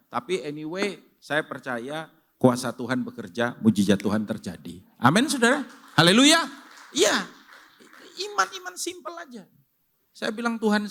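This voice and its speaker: A male pastor preaching a sermon in a church, telling stories in an animated way and often turning to the congregation. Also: fairly high pitch. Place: church sanctuary.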